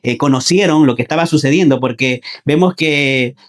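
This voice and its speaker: A man's voice: medium pitch, normal speed. Preacher man asking rhetorical questions. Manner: repeats phrases, asks the congregation rhetorical questions; addresses listeners as brothers. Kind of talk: Sunday sermon.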